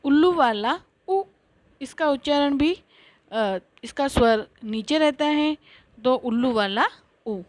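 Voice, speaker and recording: Slow, careful woman teacher. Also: sits high, animated, dry recording. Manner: careful, drawn-out pronunciation, recites letters one by one. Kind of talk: slow Hindi alphabet lesson.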